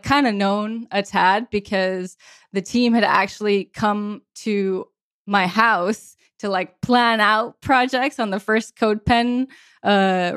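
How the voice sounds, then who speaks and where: A woman's voice: mid-range voice, clean tone, no room sound, clean studio sound. Chatty woman laughing through a podcast. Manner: chatty, laughs often, many "like" fillers. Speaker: podcast guest, software developer. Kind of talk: casual podcast chat.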